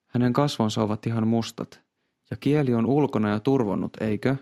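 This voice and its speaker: A man voicing a low-voiced, matter-of-fact hunter in a read-aloud story. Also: vocal fry, warm tone, lightly acted.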